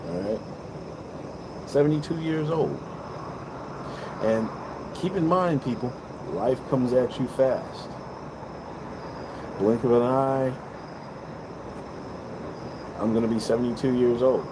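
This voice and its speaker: A man in his fifties talks outdoors, rambling and earnest as he hands out life advice, circling back over the same points and swearing along the way. His pitch sits in a normal middle range. Steady traffic and air-conditioner hum run clearly behind him. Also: takes it slowly, long pauses. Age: 50s. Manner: earnest, rambling, profane, repeats himself. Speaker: vlogger. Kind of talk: casual advice monologue. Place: balcony, outdoors.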